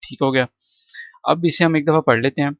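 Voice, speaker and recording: A man teaching an English lesson, explaining words and repeating them slowly for pronunciation. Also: fairly high pitch, steady tone, dry recording, highs cut off. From Pakistan. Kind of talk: recorded classroom lesson.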